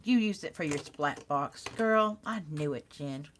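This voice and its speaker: A woman with a low, expressive voice hosts a card-making channel's live demo at a measured pace, with a slight hiss or hum in the audio. She chats casually, teasing herself and laughing as she crafts.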